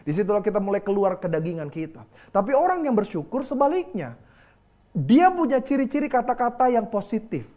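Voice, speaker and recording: A man's voice: sits high, brisk, highs cut off. A male pastor with an Indonesian accent preaching a sermon, telling stories and laughing as he goes. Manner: lively preaching with storytelling and laughter.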